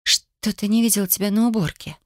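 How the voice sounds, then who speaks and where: A woman's voice: a little fast, dry recording, studio quality, close to an everyday voice. A woman voicing a nervous, giggly young female elf in an audiobook. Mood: wary. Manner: bursts into shrill laughter.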